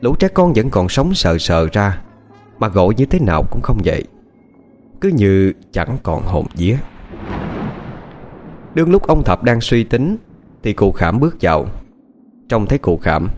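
A man narrating a ghost story audiobook in a steady storytelling voice. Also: on the low side, unhurried, long pauses, soft background music. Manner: steady storytelling with lively intonation. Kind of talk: scripted narration.

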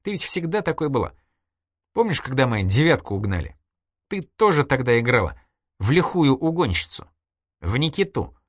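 A man's voice: mid-range voice, very animated, normal speed, pauses often, a bit bright, dry recording, studio quality, voice pushed up. A man reading an audiobook, voicing a shaken woman who reproaches a friend. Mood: reproachful. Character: shaken woman facing her friend the killer.

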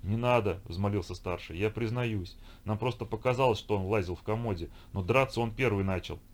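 A man's voice: on the low side, a little fast, close to an everyday voice. Audiobook role: panicked teenage son, raised whining voice, read by a man. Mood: pleading. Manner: whining, pleading. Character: frightened teenage older son, pleading.

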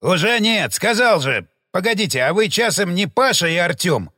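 A man's voice: high-pitched, big pitch swings, normal speed, bright, forceful tone, no echo, studio quality, heavily acted. A man voicing a grumpy, swearing older bearded innkeeper in an audiobook. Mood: grumbling. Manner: gruff, snapping and swearing.

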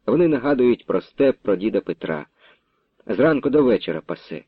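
Male radio storyteller, measured and expressive, muffled and dry sound. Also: medium pitch, slightly rough, dry recording. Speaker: narrator. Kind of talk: literary story reading for radio. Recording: dull dry radio recording.

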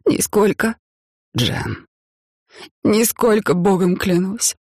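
A narrator voicing a defensive, tearful middle-aged wife who pleads and flares up in emotional bursts, with a rough, breathy voice. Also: female voice, medium pitch, big pitch swings, slow, a little mellow, no room sound, studio quality, voice pushed up, full character voice. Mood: pleading.

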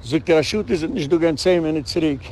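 A man, a rabbi, giving a storytelling lecture and jumping to a high voice when he quotes others. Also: fast. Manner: animated storytelling with sudden jumps in pitch.

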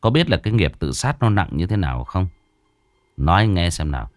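A man voicing a young male shaman who speaks in an unhurried, firm and coaxing way. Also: low-pitched, sing-song, dry recording. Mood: calm firm. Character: calm young male shaman, commanding but kind. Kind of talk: storytelling.

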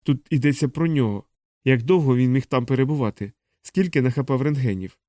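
A man reading an audiobook and voicing a grave, quiet male doctor in a low, subdued voice. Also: a little fast, no room sound, clean studio sound, natural voice.

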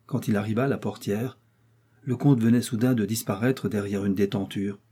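A man reading a classic adventure novel aloud as an audiobook, in a measured, theatrical storytelling manner. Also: on the low side, fairly even intonation, warm tone, slightly rough. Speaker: audiobook narrator.

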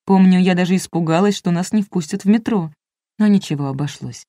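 A woman's voice: lowish voice, brisk, dark tone, dry recording, studio quality. A woman narrating a first-person audiobook in a wry, ironic storytelling manner.

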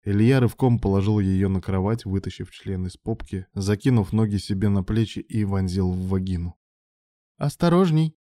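A man narrates an audiobook in a steady storytelling manner. His voice sits low and mellow. The close-mic recording is dry. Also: normal speed, few pauses, no echo. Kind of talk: scripted narration.

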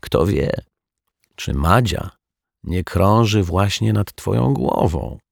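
A man doing a calm, gently amused detective. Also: low voice, slow pace, vocal fry, no room sound, studio quality, heavily acted. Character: kindly amused male detective, gentle and patient.

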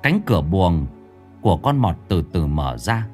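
Low dude telling a ghost story, super animated delivery, soft music behind. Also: male voice, a little slow. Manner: expressive, swinging pitch for suspense. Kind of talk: dramatic ghost story narration.

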